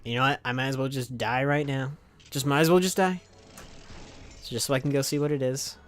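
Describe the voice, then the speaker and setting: A man's voice: mid-range voice, steady tone, brisk. A man commentating his own gameplay on a live stream, with wry, self-mocking, muttered asides. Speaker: game streamer.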